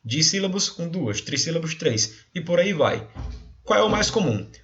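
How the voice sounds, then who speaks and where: A man's voice: fairly high pitch, sing-song, normal speed, a bit bright, highs cut off, faint music behind. A male teacher with a Brazilian Portuguese accent, explaining a recorded class and often checking in with his students. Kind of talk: recorded remote class lesson.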